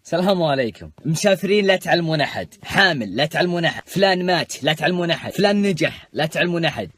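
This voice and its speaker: Young saudi guy doing jokey monologues, high voice, super quick, faint hiss. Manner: animated, rapid jokey delivery. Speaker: comedy sketch host. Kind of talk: comic monologue to camera.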